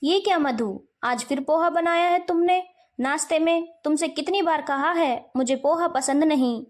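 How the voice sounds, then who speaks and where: A woman voicing a short-tempered husband and father who lectures his children gently. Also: sits high, normal speed, close to an everyday voice. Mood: irritated. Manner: stern then gently explaining.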